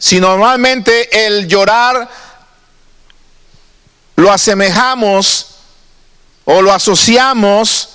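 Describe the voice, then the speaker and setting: High-voiced preacher in a reverberant hall. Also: male voice, very slow, long pauses, sharp tone, smooth. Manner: conversational preaching, asks the congregation questions. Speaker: pastor. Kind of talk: sermon. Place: church.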